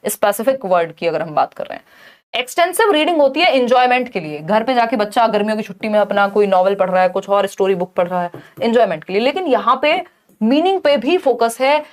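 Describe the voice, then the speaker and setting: Woman teacher, quick and slightly high-voiced, for an exam-prep lesson full of rhetorical check-ins. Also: lively intonation. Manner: explains with rhetorical questions and Hindi-English mix.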